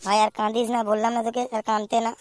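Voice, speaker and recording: A woman voicing a teasing, foul-mouthed young man in a cartoon, loud and mocking. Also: a little high, level tone, racing, dry recording, natural voice. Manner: loud mocking banter with swearing. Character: mocking young male friend, crude and teasing. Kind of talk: cartoon voice acting.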